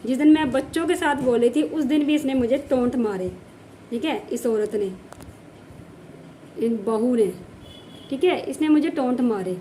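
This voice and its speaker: A high-pitched woman from the Jammu region tells a family story on her home vlog. She talks in a casual way and says things twice to drive them home. A faint hiss sits under her voice. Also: a little slow, long pauses, mellow. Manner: emphatic, repeats phrases for stress. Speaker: village housewife vlogger.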